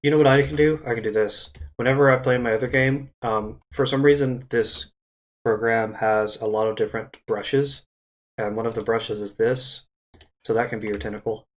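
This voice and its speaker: A man's voice: medium pitch, fairly even intonation, moderate pace. A man running a tabletop game as dungeon master, rambling and punning and often correcting himself. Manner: rambling, punny, self-correcting.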